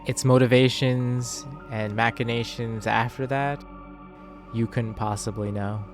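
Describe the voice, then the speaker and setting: A man narrating a tabletop game as game master, with deliberate, dramatic phrasing. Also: medium pitch, fairly even intonation, music in the background.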